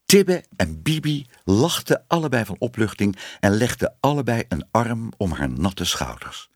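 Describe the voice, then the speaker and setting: A man reading a children's storybook aloud, expressive and varied. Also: lowish voice, measured pace, no echo, clean studio sound. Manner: expressive reading with many voiced figures. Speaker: audiobook narrator. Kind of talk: scripted storybook narration.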